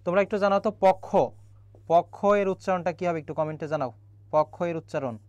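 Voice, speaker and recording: A young man runs a live-streamed grammar lesson, his voice sitting fairly high for a man. He keeps asking the viewers questions and reads their comments back to them. The sound is dry and close, with no room around it. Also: a little fast, dry recording, muffled recording. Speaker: online admission-prep teacher.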